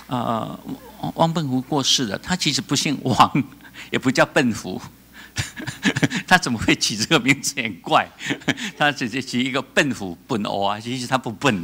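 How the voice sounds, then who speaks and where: A man with a Taiwanese Mandarin accent preaching a sermon as pastor, animated, often laughing and prompting the congregation to answer. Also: mid-range voice, normal speed, slightly rough. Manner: animated, asks the congregation call-and-response questions; laughs often between remarks.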